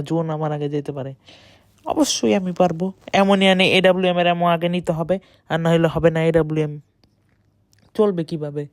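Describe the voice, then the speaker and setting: A woman gives excited, boastful running commentary while playing a shooter game, speaking close to the mic. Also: lowish voice, no room sound. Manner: excited, boastful self-talk. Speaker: gamer streamer. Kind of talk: live gameplay commentary.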